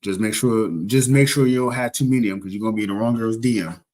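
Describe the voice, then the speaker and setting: A man's voice: on the low side, steady tone, fast, a little mellow. A young man casually chatting on a livestream, rambling and joking as he corrects himself mid-sentence. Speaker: livestream host.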